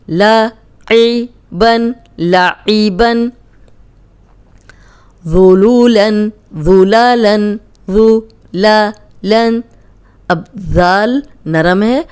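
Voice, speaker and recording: A woman teaches Quran recitation in a slow, patient drill, saying each word twice or three times. Her voice is smooth and clear, at a middle pitch. Between drills she drops lower and explains fast. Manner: repeats each word slowly, then explains quickly in a lower voice.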